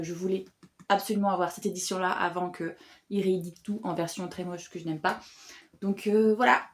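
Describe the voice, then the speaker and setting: Young woman, casual book haul chat, chatty, lots of fillers, animated asides. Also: mid-range voice. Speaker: booktuber and bookseller.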